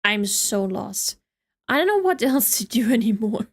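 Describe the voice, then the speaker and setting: A woman's voice: on the high side, sing-song, a little slow. A woman streaming a video game, talking casually and thinking aloud, puzzled and laughing at herself.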